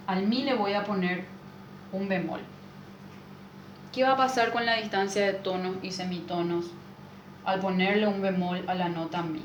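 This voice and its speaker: A woman, a music teacher patiently explaining a lesson and checking in with rhetorical questions. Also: mid-range voice. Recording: echoey room with faint noise.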